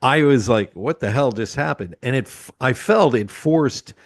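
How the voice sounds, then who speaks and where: A man's voice: mid-range voice, expressive, normal speed, no echo, clean studio sound. A man in his sixties from Pennsylvania hosts a casual interview, rambling with lots of ums and uhs. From Pennsylvania, USA. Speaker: podcast host.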